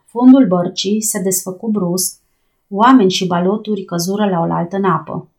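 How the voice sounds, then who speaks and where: Woman reading an adventure audiobook. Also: medium pitch. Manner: lively, raising her voice for shouted lines. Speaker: narrator. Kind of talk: audiobook reading with voiced dialogue.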